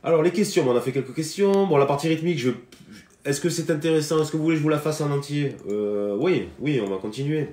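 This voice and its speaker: A man's voice: on the high side, fast talker, darkish tone. Chatty man teaching guitar live. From France. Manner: chatty, hesitant, many fillers and restarts; greets viewers by name between explanations. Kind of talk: casual live guitar lesson. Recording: roomy sound with guitar playing.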